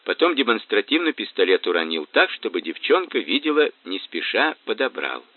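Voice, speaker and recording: A man narrating an audiobook with a lively, expressive reading. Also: fairly low pitch, moderate pace, no echo. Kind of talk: scripted narration. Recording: tinny phone-like band, dry.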